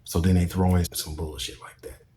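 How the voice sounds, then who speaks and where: His voice is low, warm, and flat in delivery, moving a little fast as he vlogs casual opinion commentary. He's blunt, emphatic, and swears freely, over slight background noise.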